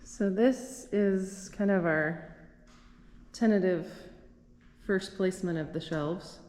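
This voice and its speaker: A woman's voice: on the low side, takes it slowly. A woman casually narrating a vlog in an informal, chatty way, thinking aloud, her voice echoing around a big workshop. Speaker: vlog host. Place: large echoey metal or concrete workshop. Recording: very echoey workshop, loud background noise. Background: loud ambient noise.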